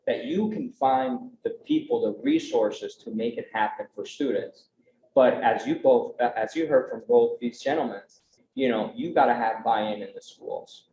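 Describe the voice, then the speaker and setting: A young American man speaks earnestly on a conference panel, keeping things conversational and using frequent tag questions. His warm, mid-range voice moves at normal speed, and the recording is roomy and dull with faint background noise.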